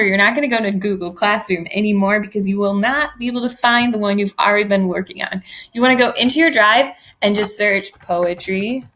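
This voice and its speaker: A woman's voice: mid-range voice, fairly bright tone. A woman teacher giving an online poetry lesson, thinking aloud in a friendly way while she types.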